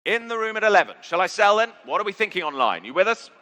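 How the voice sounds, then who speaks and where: A man's voice: high-pitched, very animated, fast talker, sharp tone. A British man working as an auctioneer, calling bids in a conversational way and repeating the figures. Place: auction sale room.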